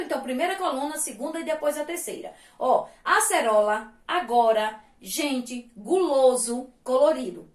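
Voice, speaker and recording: A woman's voice: very high voice, reverberant. A woman teaching a remote class to young children, patient and sing-song, stretching words out syllable by syllable. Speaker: primary school teacher.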